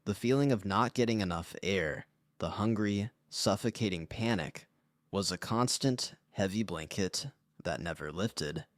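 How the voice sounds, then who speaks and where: Somber low-voiced man narrating. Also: measured pace, no echo, studio quality. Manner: somber, confessional. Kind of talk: scripted first-person narration.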